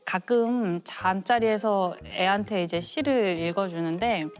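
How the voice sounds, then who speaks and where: A woman's voice: mid-range voice, unhurried, soft background music. Thoughtful middle-aged woman panelist. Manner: thoughtful, animated when recounting children. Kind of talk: casual talk-show chat.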